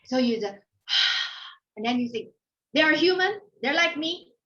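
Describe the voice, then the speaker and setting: A middle-aged Manila woman with a Filipino accent, a company founder appearing as guest speaker, gives an informal motivational talk. Her high-pitched voice moves at a measured pace as she tells personal anecdotes with animation, acting out her inner thoughts and remarks others made. The audio is dull and lo-fi.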